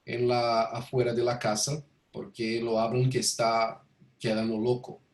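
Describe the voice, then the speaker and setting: A man's voice: mid-range voice, monotone, measured pace, recorded from a distance. A man speaking non-native Spanish with a Portuguese-influenced accent, hesitantly searching for words as a student in a class discussion. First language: not Spanish. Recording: roomy, echoey voice pickup.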